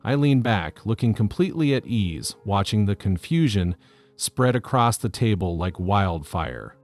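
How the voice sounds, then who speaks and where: A man calmly reading out a first-person story as scripted narration. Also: on the low side, a little slow, faint music behind.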